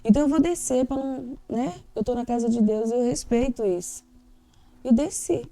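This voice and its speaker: A woman's voice: a little high, moderate pace, dark tone, dry recording. A Brazilian Portuguese-speaking woman giving an emotional, candid personal testimony in an interview, acting out the dialogue she quotes.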